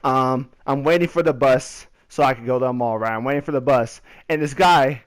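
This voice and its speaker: Over gameplay, a young American man spins a casual story for his listeners, using slang and a chatty tone. His voice sits in the mid-range, smooth and a little fast.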